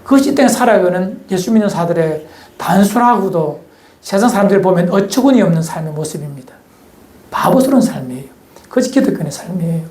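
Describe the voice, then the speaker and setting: A pastor's high, warm voice carries through an echoey church hall as he delivers his sermon in a Gyeongsang Korean accent. He's folksy and poses questions to the congregation from the sanctuary.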